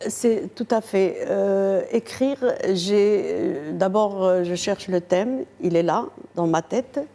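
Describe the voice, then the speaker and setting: Slow, soft-spoken older woman. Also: medium pitch. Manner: slow, soft-spoken, hesitant with many pauses. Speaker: guest poet. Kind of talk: TV interview. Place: TV studio.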